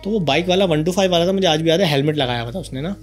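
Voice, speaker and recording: A man from Karachi, hosting a podcast and telling a childhood story in a lively, animated way. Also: fairly high pitch, very fast, faint music behind. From Karachi, Pakistan. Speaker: podcast host. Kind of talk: casual storytelling chat.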